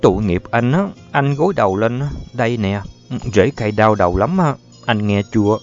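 A man voicing a tender, worried young woman who pleads softly with her sick lover. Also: lowish voice, lively intonation, normal speed, lightly acted. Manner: pleading, soft and fussing. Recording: dull lo-fi audio, faint music.

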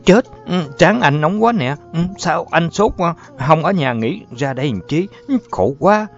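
A devoted young woman, fussing and pleading in a soft, high voice, as a male reader puts her on. Her worry runs through every line. The audio is dull and lo-fi with faint music behind. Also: lively intonation, unhurried. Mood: worried.

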